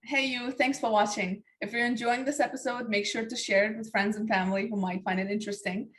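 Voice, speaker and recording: A woman's voice: fairly high pitch, steady tone, brisk. A woman hosting a podcast interview, talking in a friendly way with lots of fillers. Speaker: podcast host.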